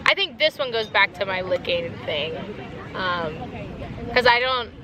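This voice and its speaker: A woman's voice: medium pitch, expressive, measured pace. A young American woman chatting casually in a candid, slangy party-girl manner for a Q&A. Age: young adult. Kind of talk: casual Q&A chat. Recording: loud crowd and outdoor noise.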